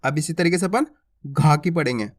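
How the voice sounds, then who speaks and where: A man's voice: on the high side, moderate pace. A man teaching the Hindi alphabet, who explains each vowel sign simply and calls out the syllables in a raised voice.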